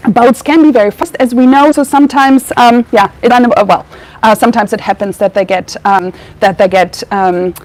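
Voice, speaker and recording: Her voice is on the high side and a little mellow, and she keeps a moderate pace; there's slight background noise and the recording is rough. She is a young research veterinarian from Germany whose German accent is tinged with Australian. Chatty and informal, her public talk is full of ums, restarts and self-corrections.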